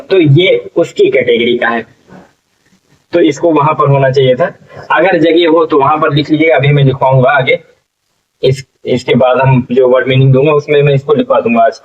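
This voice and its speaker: A man's voice: fairly high pitch, recorded from a distance, lo-fi sound. A man teaching English reading to learners, spelling words out letter by letter and often checking in with "ठीक है". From India. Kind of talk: slow spelling-out classroom lesson.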